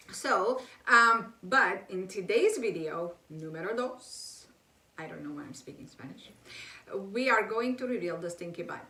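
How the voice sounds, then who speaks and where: This health channel host lectures conversationally on diet science, leaning on rhetorical questions and filler words. She has a mid-range, sharp-toned voice, recorded far from the mic in an echoey room.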